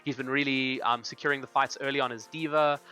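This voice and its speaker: A man's voice: medium pitch, fairly even intonation, fairly quick, pushed and bright, clear, resonant tone, faint music behind. A man talking through the match as an esports analyst, thoughtful and rambling with lots of fillers. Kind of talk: esports analysis desk chat.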